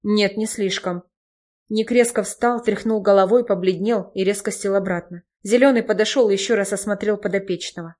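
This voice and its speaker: A woman narrating an audiobook in an even storytelling manner. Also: medium pitch, a little fast, few pauses. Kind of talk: scripted narration.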